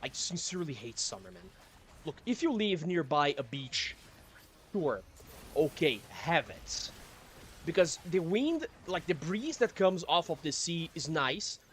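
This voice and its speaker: A man's voice: on the high side, very animated, moderate pace, fairly bright tone, a little hiss or hum. A man streaming from his apartment, giving casual gameplay commentary in a grumbling, sardonic manner and swearing often. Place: home apartment.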